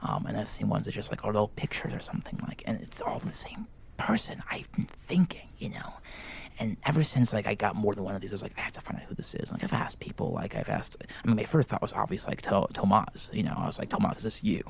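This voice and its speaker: The host here is an awkward, eager teen boy played by a man in a scripted comedy podcast, murmuring into a handheld mic in a library. He talks fast in a fairly low, slightly rough voice with vocal fry, giving a full character voice as he rambles through fillers, hushed and excited.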